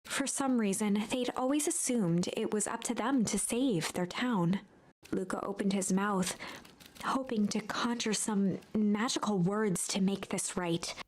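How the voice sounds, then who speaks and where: A woman voicing the storybook narrator of a game, in a measured telling manner. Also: medium pitch, darkish tone, close to an everyday voice.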